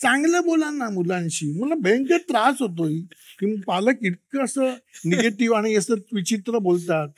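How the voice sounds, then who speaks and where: A man telling lively anecdotes in an interview, acting out quotes from parents and children and laughing often. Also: high-pitched, normal speed. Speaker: children's author and interview guest. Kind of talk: storytelling interview talk.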